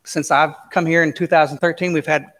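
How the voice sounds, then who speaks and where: Pastor, male, slightly high voice, relaxed storytelling sermon, long church reverb. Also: brisk. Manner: folksy, anecdotal storytelling with casual asides. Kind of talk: conversational sermon. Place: church sanctuary.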